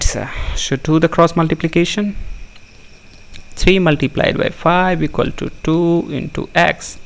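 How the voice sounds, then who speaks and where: A man with an Indian accent gives an informal maths lesson in a slightly high, gravelly voice. A native Hindi speaker, he talks to students familiarly and keeps posing questions that he answers himself. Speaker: maths teacher. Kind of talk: informal exam lesson switching between two languages.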